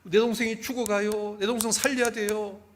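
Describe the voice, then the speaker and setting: A man's voice: a little high, moderate pace, sharp tone, slight background noise. A man voicing an eight-year-old poor girl, pleading and crying out for help. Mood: wailing plea.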